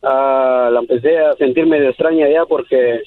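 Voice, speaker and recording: A man's voice: mid-range voice, steady tone, normal speed, a little hiss or hum. A man in his thirties calling into a radio show, nervous and hesitant, tagging sentences with "¿verdad?". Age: 30s. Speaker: caller. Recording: tinny phone line.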